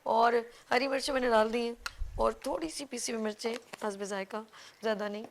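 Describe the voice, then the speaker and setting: A woman's voice: a little high, fairly even intonation, fairly quick, creaky, a little hiss or hum. A woman with a Pakistani Urdu accent, hosting a live cooking show and explaining each step to viewers in a chatty, instructive way. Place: TV studio kitchen.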